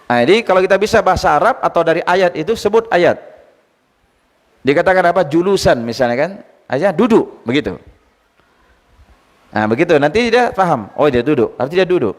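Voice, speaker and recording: A male Islamic teacher giving a lively study lecture, quizzing his listeners and retelling anecdotes. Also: high-pitched, brisk, pauses often. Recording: long hall reverb.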